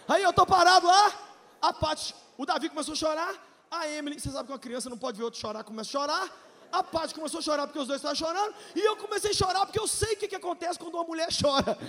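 A very high-pitched Brazilian man in his forties preaches a personal testimony, his voice ringing with a long hall reverb. He moves between loud, shouted peaks and soft, confiding asides, slipping in jokes along the way. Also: quick pace. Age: 40s. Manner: emotional storytelling, swings from shouting to hushed, joking. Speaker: pastor. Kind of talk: testimony sermon.

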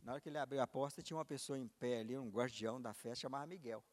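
A man's voice: medium pitch, very fast, long reverb tail. A man preaching a sermon, telling a personal story and acting out its dialogue with big swings in voice and volume. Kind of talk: sermon with acted testimony.

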